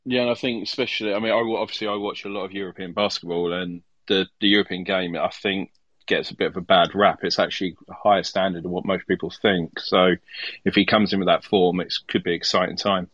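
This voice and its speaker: A man's voice: deep voice, steady tone, fast, a bit bright, no echo, dull audio. A man chatting casually about sport as a podcast guest and coach.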